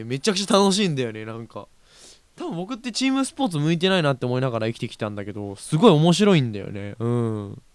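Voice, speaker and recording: A young man chats through his solo talk show in a loose, rambling way, often stopping to correct himself. His voice is smooth and lively, rising and falling a lot. The sound is dry and close. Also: mid-range voice, no echo. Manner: chatty, rambling, self-correcting, laughs often. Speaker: podcast host. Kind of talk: casual solo radio-style talk.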